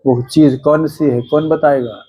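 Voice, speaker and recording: A man with a fairly high voice speaks to his listeners in a devotional discourse. His tone is mellow and warm. He keeps asking rhetorical questions and sometimes slows into chanted scripture verses. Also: steady tone, husky. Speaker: religious storyteller.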